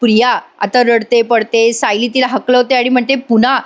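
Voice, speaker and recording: This woman, a TV serial reviewer, has a fairly high voice and a flat delivery at normal speed. She gives a chatty voice-over recap of an episode, speaking straight to her viewers.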